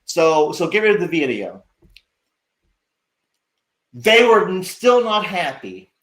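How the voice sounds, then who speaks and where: A slightly high-voiced man rants sarcastically on a livestream, cursing as he goes. He rambles, restarts his sentences and talks straight to his viewers. His voice rings around a roomy, echoing space. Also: very animated, slow, fairly bright tone. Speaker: livestream host. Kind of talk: casual livestream rant.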